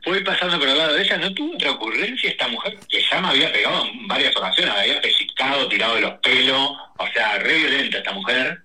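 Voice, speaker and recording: A man, a guest telling personal stories in a lively, slangy way with many restarts. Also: mid-range voice, husky, poor audio. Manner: animated, rushes through stories with slang and restarts. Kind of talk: casual personal storytelling.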